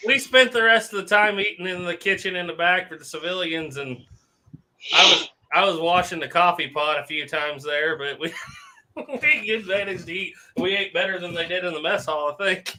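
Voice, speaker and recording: Easygoing male host, bright upbeat voice, casual storyteller on a video call. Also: sits high, moderate pace, a little hiss or hum, low-quality recording. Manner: laughs often, easygoing storyteller. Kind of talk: casual chat.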